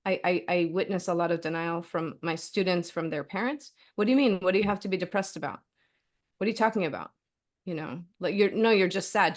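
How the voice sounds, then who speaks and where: A middle-aged woman talks through ideas in a relaxed interview, thinking aloud. Her voice sits on the low side for a woman, and she keeps checking in with the listener with "right?" and loose "like" fillers. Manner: thoughtful, frequent "like" and "right?" tags. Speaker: philosophy author and professor, interview guest. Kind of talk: conversational interview answer.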